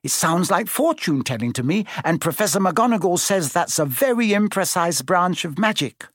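A man performs a full character voice pitched above his own, playing an earnest, clever schoolgirl who speaks reassuringly. The voice is high-pitched, very animated, and fairly bright at a moderate pace, recorded at studio quality with no echo.

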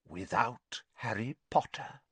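Hissing, cold Lord Voldemort. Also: male voice, mid-range voice, very animated, unhurried, no echo, voice pushed up, exaggerated voice. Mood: soft menace. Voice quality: breathy, hissing near-whisper. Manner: cold, soft, menacing, contemptuous. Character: cold, menacing male dark lord, frail yet imperious.

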